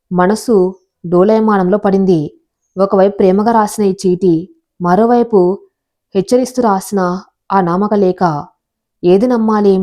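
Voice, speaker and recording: A woman reading a scripted story in a steady, measured way. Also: mid-range voice. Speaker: narrator.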